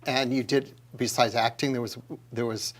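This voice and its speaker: A man's voice: medium pitch, level tone, normal speed. A man hosting a live talk show, joking with the guest and the studio audience.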